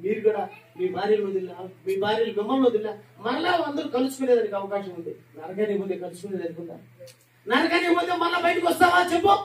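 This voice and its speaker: Male pastor, fiery sermon, rhetorical questions, shouting, very high voice, echoey hall. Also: lively intonation, fast talker, slight background noise. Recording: echoey room, distant mic.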